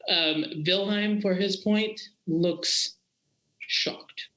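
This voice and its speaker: Male game master, casual narration with fillers, bit high-pitched; echoey room, faint music. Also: fairly even intonation, extremely slow, sharp tone.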